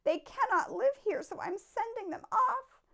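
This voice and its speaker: A woman's voice: lively intonation, unhurried, gravelly, fairly bright tone, exaggerated voice. A woman voicing a small, indignant old creature who guards the trees in a storybook, with a strained, scolding delivery. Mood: pleading, aggrieved. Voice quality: coughing, strained, high.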